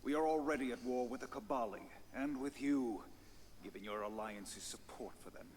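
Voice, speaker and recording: Actor voicing a grave villainous alien warlord. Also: male voice, mid-range voice, normal speed, breathy edge, natural voice. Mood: stern. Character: menacing alien male warlord, proud and vengeful.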